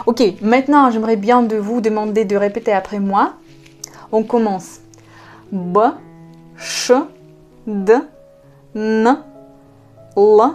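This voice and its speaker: Slow, mellow Russian-accented woman teacher. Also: a little high. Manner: patient, spells out letters slowly. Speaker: language teacher. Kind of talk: online language lesson.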